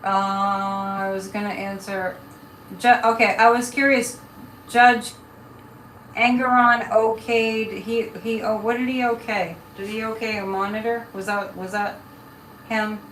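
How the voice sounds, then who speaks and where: A woman psychic hosting a live show talks casually with viewers, rambling and trailing off partway through thoughts. Her voice is medium-pitched and a bit bright, with fairly even intonation and a measured pace. The recording has an echoey room, a distant mic and faint noise.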